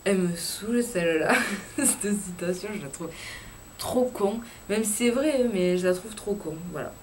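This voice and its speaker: A young woman with a southwest French accent from Lot-et-Garonne, chatting casually and frankly to her camera with lots of filler pauses. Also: mid-range voice, animated, darkish tone, a little hiss or hum. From Lot-et-Garonne, southwest France. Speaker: YouTuber. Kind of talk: casual chat vlog.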